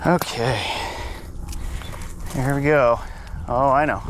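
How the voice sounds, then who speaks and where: A man's voice: mid-range voice, takes it slowly. A man working as a snake remover and vlog host, chatting outdoors in an easygoing, informal way. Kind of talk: casual chat, on-location vlog. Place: outdoors in a backyard. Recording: clear outdoor background noise, clicks.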